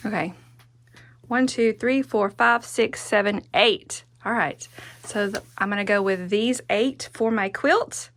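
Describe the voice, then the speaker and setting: A woman's voice: mid-range voice, unhurried, a bit bright, slight background noise. A woman giving a casual hands-on craft tutorial as the instructor, chatty and musing, often talking to herself as she goes. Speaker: quilting instructor and host.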